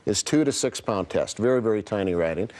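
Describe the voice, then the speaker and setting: A man's voice: fairly low pitch, lively intonation, a little fast, a little mellow. A man showing fishing gear on a morning TV segment, talking eagerly and rambling a little. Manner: eager, rambling product walkthrough.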